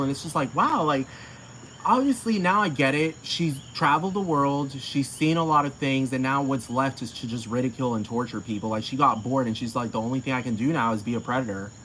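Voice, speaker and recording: A man's voice: fairly high pitch, a little hiss or hum, rough recording. A man ranting to camera in a casual, profane, heated way, repeating himself.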